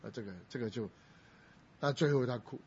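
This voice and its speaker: A middle-aged pastor's sermon features a family story told in a brisk, husky, mid-range voice with a darkish tone. He gets louder whenever he quotes someone, and the recording is dull and lo-fi.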